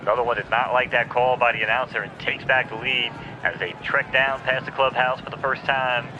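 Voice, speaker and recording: A man calling a virtual horse race live in a rapid, excited race-call delivery. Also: medium pitch. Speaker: race caller. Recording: dull lo-fi sound with clear background noise.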